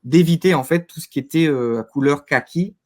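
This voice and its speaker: A man giving a casual interview as a guest, haltingly repeating words as he searches for phrasing. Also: a little high.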